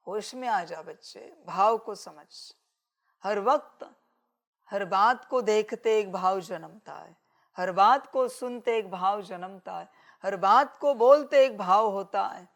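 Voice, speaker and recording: A woman giving a spiritual discourse as a teacher, admonishing her listeners and calling them children. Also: mid-range voice.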